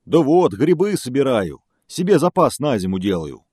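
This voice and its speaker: A man voicing a big, clumsy, greedy male bear who talks gruffly and slowly. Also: very animated, warm tone, dry recording, studio quality. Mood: eager. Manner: booming and slow, gruff.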